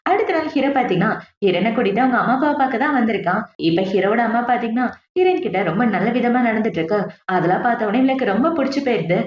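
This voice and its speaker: A woman retelling a drama's plot at a brisk clip in a chatty, direct-to-viewer style. Her voice sits fairly high. The recording is roomy and a little dull. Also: expressive. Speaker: drama recap narrator. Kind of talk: casual storytelling recap of a drama.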